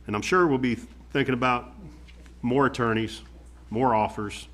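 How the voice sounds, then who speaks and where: Man, medium pitch, county commissioner, halting, plainspoken remarks at a meeting. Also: steady tone, a bit bright. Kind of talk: spontaneous remarks at a public meeting.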